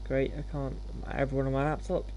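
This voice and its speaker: A man's voice: medium pitch, monotone, fairly quick, dark tone, lo-fi sound, slight background noise. Guy chatting casually on a livestream. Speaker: live streamer hosting gameplay. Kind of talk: casual livestream chat and gaming commentary.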